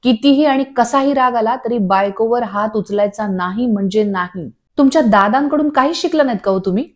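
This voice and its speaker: A woman's voice: a little high, a little fast, lightly acted. A woman voicing a stern elder sister-in-law who scolds firmly. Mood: scolding. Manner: scolding, firm.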